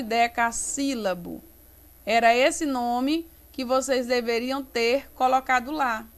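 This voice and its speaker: A Brazilian Portuguese-speaking woman teaching an online class, explaining step by step and sounding out syllables slowly. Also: high voice, a bit bright. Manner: slow, explains step by step, syllabifies words aloud. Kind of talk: recorded online class lesson. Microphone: computer mic while writing with mouse.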